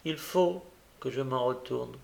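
A man's voice: medium pitch, a little slow, creaky, darkish tone. A man reading the part of a desperate, remorseful young woman who pleads through tears, in a fervent, anguished way.

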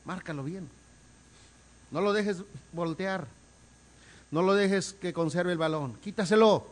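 High-voiced preaching pastor. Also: male voice, slow. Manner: preaching with swings from soft asides to loud emphatic calls; repeats words for emphasis. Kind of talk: sermon.

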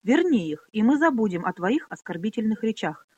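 A woman's voice: fairly high pitch, very animated, brisk, dark tone, slightly rough, dry recording. An arrogant, condescending young nobleman, read by a woman near her own voice, commanding and cold. Dry close storybook reading.

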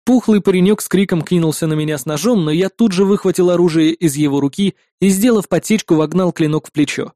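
A man's voice: high-pitched, quick pace, few pauses, dark tone, dry recording, clean studio sound. A man narrating a first-person story as an audiobook, in a wry, sardonic way.

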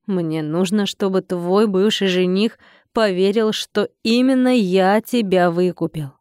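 A woman voicing a calm, self-assured scheming man in an audiobook, cool and mildly mocking. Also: medium pitch, unhurried, clear, resonant tone, no echo, clean studio sound, natural voice. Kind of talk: audiobook character reading.

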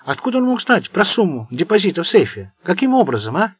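A man's voice: high-pitched, big pitch swings, quick pace, breathy edge, no room sound, pitched above the performer's own voice, heavily acted. A man voicing a timid, joking male gang member who tries to keep the peace.

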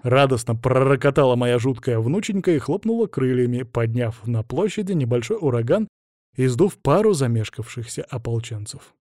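A man's voice: medium pitch, expressive, normal speed, a little mellow, dry recording, clean studio sound. A man narrating a fantasy audiobook in a wry, conversational first-person voice.

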